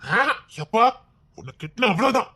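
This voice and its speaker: A man with a Tirunelveli Tamil accent playing a gruff, stubborn young man who keeps pushing his lover away. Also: high-pitched, very animated, moderate pace, pushed and bright, full character voice. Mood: bickering. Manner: curt, scolding, begging. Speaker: male lead in a comedy skit.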